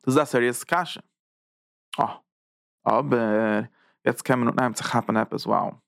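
Man, religious teacher, gravelly voice, dry close sound, repeats himself, rhetorical questions. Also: medium pitch, moderate pace, fairly bright tone, no echo. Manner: thinks aloud, repeats phrases and asks rhetorical questions. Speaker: Torah teacher giving a class. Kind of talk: lively religious lecture.

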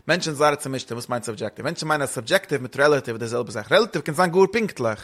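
A man's mid-range, fairly bright voice is animated as he rambles quickly through an explanation of a religious text during casual study. He keeps slipping between languages, weaving Hebrew and English terms into his German.

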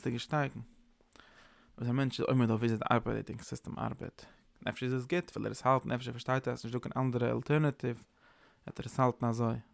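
A man's voice: medium pitch, creaky, no room sound. A man giving an informal, rambling sermon, mixing in English words. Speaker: preacher. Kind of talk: informal Yiddish-tinged sermon.

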